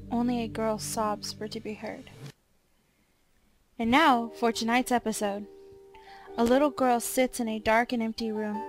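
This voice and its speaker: Woman narrating in a flat, high voice. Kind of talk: scripted serial story narration.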